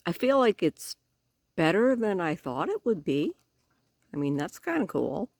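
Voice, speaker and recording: A woman chatting casually in a vlog, with a slight lisp and careful, halting speech as she talks around newly fitted false teeth. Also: on the low side, big pitch swings, gravelly, darkish tone. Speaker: vlogger giving a personal update.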